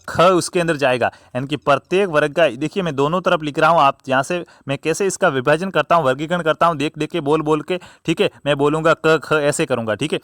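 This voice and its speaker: A man teaches a grammar lesson, asking questions and answering them himself while repeating key terms and drawing them out for emphasis. His voice is a little high and a bit bright, recorded with studio quality and no echo.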